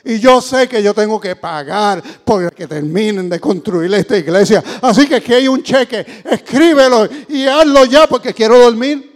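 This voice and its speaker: Man playing a rude, blunt businessman in a sermon story, high voice, hall reverb. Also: moderate pace, hardly any pauses, lightly acted. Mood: gruff. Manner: blunt, rising to loud demands. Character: gruff rude male merchant, unbeliever.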